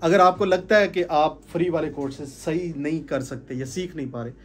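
A sales trainer with a slightly high voice speaks at an ordinary speed, giving a small group an informal sales talk in a curtained room. He comes across as emphatic, leaning on repeated phrases and gesturing while talking.

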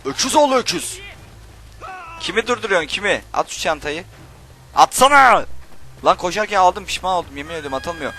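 A young man doing Let's Play commentary, swearing and shouting insults at game characters while he plays. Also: sits high, animated, fast, music in the background. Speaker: gaming channel host.

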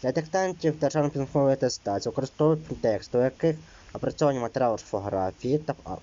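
A man's voice: mid-range voice, fast, warm tone, lo-fi sound. A man teaching an exam-prep lesson, reading out rules and then explaining them loosely, with many fillers.

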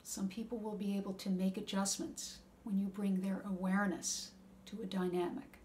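A woman giving a calm, gentle talk of spiritual advice in a measured, reflective way. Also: medium pitch, a little hiss or hum. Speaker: wellness speaker.

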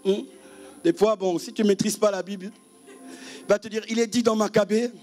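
A male pastor giving a humorous sermon at a church seminar, teasing the congregation and acting out little scenes with shouts and laughter. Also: sits high, steady tone, a little fast, soft background music.

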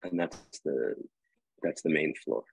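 A very deep voice with vocal fry, slightly rough, belongs to a middle-aged host and editor-at-large speaking at a measured pace. He wears earbuds on a live video call in a home room with a wood panel wall, rambling through many fillers and restarts.

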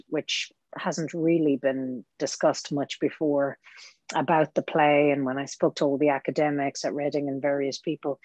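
Woman, low pitch, dry close sound, thoughtful actor guest, pauses to find words. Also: a little mellow, dry recording. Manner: reflective, searching for words. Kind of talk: conversational interview.

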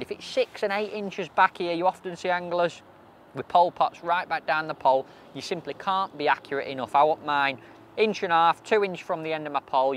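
Guy in his 30s giving fishing tips lakeside, kinda high voice, chatty, bit of outdoor noise. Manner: chatty, practical explainer. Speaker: match angler giving tips.

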